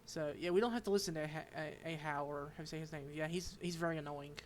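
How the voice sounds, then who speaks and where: A man streams a game, reading its dialogue aloud and adding comments, halting and stumbling over unfamiliar names. His voice is a little high, with a slight hiss or hum.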